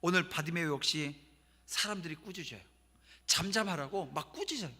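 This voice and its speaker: A man's voice: on the high side, moderate pace, sharp tone, husky. A man preaching a sermon as pastor, emphatic and asking the congregation rhetorical questions. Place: church sanctuary. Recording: long church hall reverb.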